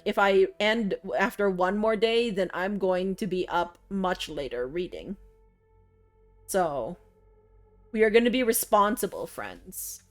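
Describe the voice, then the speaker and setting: A woman streaming a puzzle game, thinking aloud and chatting with her viewers in a sleepy, musing way. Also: medium pitch. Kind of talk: casual gameplay commentary.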